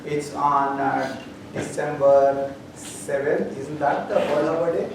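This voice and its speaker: With an Indian accent, a university professor rambles through class announcements full of fillers and dry humor. His voice is on the high side, fairly even in intonation and slow, with vocal fry, captured by a distant camera in a lecture hall amid heavy background noise.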